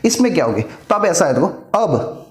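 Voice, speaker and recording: A man's voice: a little high, very animated, moderate pace. A middle-aged man teaching a physics lesson, explaining step by step and mixing in English terms. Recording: echoey room.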